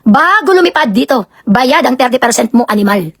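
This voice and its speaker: Woman, from Canada, high voice, very fast, indignant live-stream rant full of rhetorical questions. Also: lively intonation. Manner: indignant, rapid-fire, peppered with rhetorical questions. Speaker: live-stream host and promoter. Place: home with barking dogs nearby.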